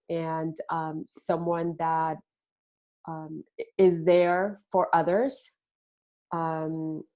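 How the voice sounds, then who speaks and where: A middle-aged woman from Puerto Rico, a parenting expert answering interview questions with hesitant pauses and many ums. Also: on the low side, a little mellow. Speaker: podcast guest, parenting expert.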